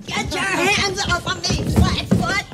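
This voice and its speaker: A woman's voice: extremely high pitch, flat delivery, unhurried, over loud music. A woman playing a sassy, defiant old lady with a mouthy, taunting manner. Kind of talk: film comedy acting.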